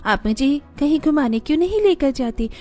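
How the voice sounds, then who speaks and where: A man voicing young women in a cartoon story, in a high falsetto. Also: lively intonation, brisk, soft background music. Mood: pleading. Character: young women: daughter-in-law, sister, scheming neighbor. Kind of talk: cartoon voice acting.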